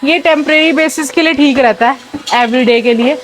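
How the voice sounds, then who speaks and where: Chatty high-voiced young mom vlogging. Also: female voice, normal speed, slight background noise. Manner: chatty, mixes English into Hindi, talks to her child between lines. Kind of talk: casual home vlog chat. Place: home, indoors, while cleaning floors.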